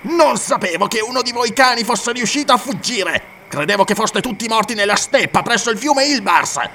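A man's voice: medium pitch, sing-song, measured pace, a bit bright, far from the mic, slight background noise. A man voicing a cruel, arrogant lord who mocks and domineers in an audiobook. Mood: startled. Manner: mocking, domineering.

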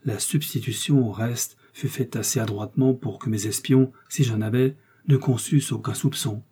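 A man's voice: medium pitch, fairly even intonation, normal speed, mellow, breathy edge. A man reading an audiobook, voicing a defiant, vengeful young noblewoman in an impassioned, dramatic way. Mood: tense.

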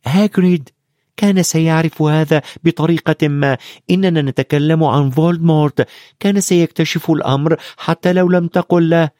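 A man's voice: on the high side, steady tone, normal speed, darkish tone, dry recording, clean studio sound, pitched above the performer's own voice, natural voice. A man voicing a thoughtful, brave young schoolboy in an audiobook, talking in an earnest, reasoning way. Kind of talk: audiobook character voice.

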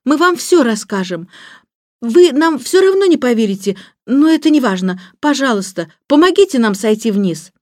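A woman's voice: on the high side, big pitch swings, normal speed, darkish tone, dry recording, studio quality, voice pushed up. A woman voicing a frightened little girl who begs for help. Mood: pleading. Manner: begging, breathless pleas.

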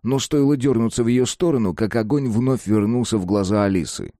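A man's voice: lowish voice, brisk, warm tone, no echo, studio quality. A man narrating an audiobook dramatically, acting out the dialogue. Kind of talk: scripted narration.

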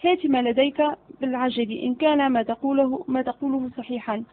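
A short-tempered, menacing vizier, as a woman reads him in a spoken storybook. The voice sits high, and the sound is thin and narrow, as if over a phone line. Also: fairly even intonation, fast, lightly acted. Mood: impatient. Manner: impatient, menacing. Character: irritable threatening male vizier, older.

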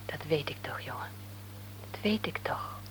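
An actress with a low, animated voice speaks at normal speed as a devout middle-aged mother and wife in a radio play, gentle yet firm in her faith. She pleads and frequently falls to a whisper, and the recording quality is low.

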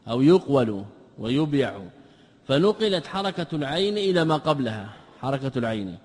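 A man's voice: mid-range voice, husky, long reverb tail. A man giving a classical grammar lesson, often asking his own questions and answering them. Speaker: teacher of Arabic grammar.

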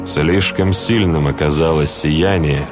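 Deep-voiced man reading a story. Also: a little slow, over music. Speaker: audiobook narrator. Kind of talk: scripted first-person narration.

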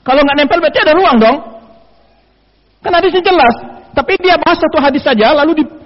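A man's voice: extremely high pitch, fast. A man giving an Islamic study sermon, explaining hadith and reciting Arabic quotes. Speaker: preacher. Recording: dull lo-fi audio in a reverberant hall.

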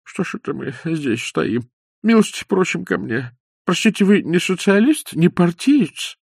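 A man voicing a frightened, fussy toothless old man who mumbles with a lisp and pleads in a drawn-out wail. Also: high voice, sing-song, gravelly, breathy edge, no echo, studio quality, pitched above the performer's own voice, exaggerated voice. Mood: fussing.

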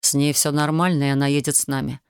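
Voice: mid-range voice, little pitch movement, quick pace, clear, resonant tone, no room sound, studio quality, pitched below the performer's own voice, natural voice. A reader voicing a stubborn young male officer who answers in a curt, restrained way in an audiobook. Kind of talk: audiobook character voice.

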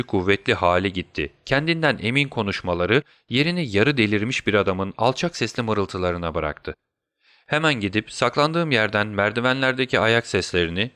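A man narrates a storybook in a measured, steady way. His voice sits a bit low, and the recording is dry with no room sound. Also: smooth, dry recording. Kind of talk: audiobook narration.

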